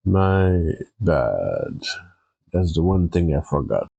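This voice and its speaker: A man's voice: low voice, very animated, takes it slowly, vocal fry, warm tone, husky, dry recording, lo-fi sound. A tired, congested man chatting casually as a live-stream host, rambling easygoing with fillers and restarts. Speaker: Twitch streamer.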